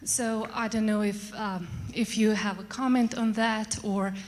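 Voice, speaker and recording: A woman's voice: medium pitch, fairly even intonation, a little slow. A woman from Bosnia and Herzegovina asking a polite, hesitant question from a conference audience. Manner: polite, hesitant, many fillers. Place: conference hall. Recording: long hall reverb, faint ambience.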